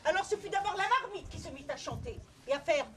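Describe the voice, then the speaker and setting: A woman's voice: extremely high pitch, fast talker, very noisy. Playful woman telling a folk tale live. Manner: lively, playful asides to listeners. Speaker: storyteller. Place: festival night of tales outdoors.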